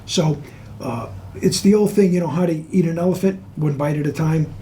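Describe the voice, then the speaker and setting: A man with a fairly high but mellow voice answers interview questions for a water board. He explains in a deliberate, earnest way. A faint hiss of ambient noise sits behind him. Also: poor audio. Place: on a tour of the water department.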